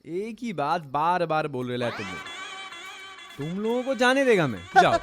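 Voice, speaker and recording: A tough film hero talks with a high, lively swagger, mocking the thugs in loose street slang. It is a dubbed film with music under the voice. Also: male voice, moderate pace. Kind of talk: Hindi film dub.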